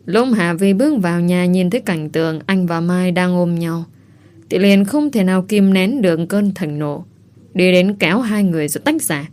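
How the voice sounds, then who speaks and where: A woman narrating a dramatic story in an even, scripted storytelling manner. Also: on the low side, moderate pace.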